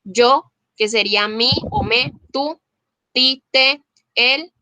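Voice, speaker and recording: A woman's voice: on the high side, takes it slowly, bright, forceful tone. A woman with a Colombian Spanish accent, a student reading a text aloud on a video call. She answers her teacher politely.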